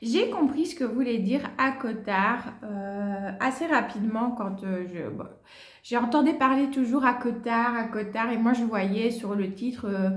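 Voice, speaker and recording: A woman with a fairly high voice chats casually about her reading list, pausing on fillers and slipping in small asides. She holds up books as she talks. The sound carries the echo of a bare room. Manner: chatty, many fillers and soft asides; shows books to the camera. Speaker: book vlogger. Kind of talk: casual book haul chat. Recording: echoey room.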